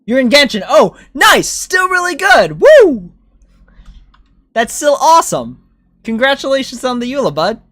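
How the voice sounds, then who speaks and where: This streamer has a high-pitched voice and an unhurried delivery, recorded cleanly in a studio setting with no echo. Gaming live, they chat informally, think aloud, and react animatedly to viewer messages.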